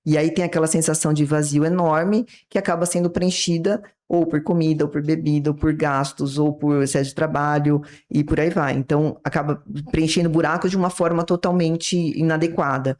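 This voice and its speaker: A woman's voice: sits low, fairly even intonation, brisk, few pauses, a little mellow. A woman with a Brazilian Portuguese accent, a psychiatrist guest explaining ideas in an interview and acting out short example dialogues. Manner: didactic, acts out little dialogues from examples.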